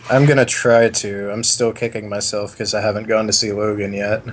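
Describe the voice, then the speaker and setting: Low-voiced easygoing podcast guy. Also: level tone, normal speed, a little hiss or hum. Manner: laughs often, easygoing. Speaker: podcast co-host. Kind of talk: casual chat.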